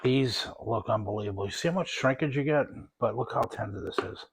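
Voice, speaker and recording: A man's voice: medium pitch, fairly quick, creaky, husky. A man hosting a barbecue cooking video, casually walking viewers through smoking and saucing ribs, then tasting them. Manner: relaxed, talks with his mouth full while tasting. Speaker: BBQ cooking channel host.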